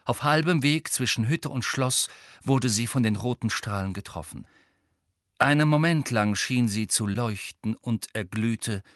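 A man narrating an audiobook in an expressive reading. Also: fairly low pitch, dry recording, studio quality. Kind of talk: scripted narration.

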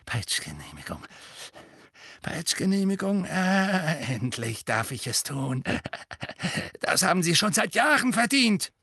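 A man's voice: high-pitched, wildly swooping pitch, very slow, sharp tone, slightly rough, no room sound, voice pushed up, exaggerated voice. A man reading an audiobook, voicing a wheezing, spiteful old male caretaker who mutters to himself. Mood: gleeful.

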